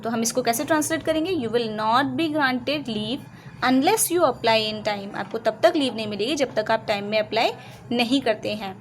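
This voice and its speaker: A woman with an Indian accent teaching English grammar, explaining in Hindi, reading English examples slowly and deliberately and answering her own questions. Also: fairly high pitch, slight background noise, rough recording.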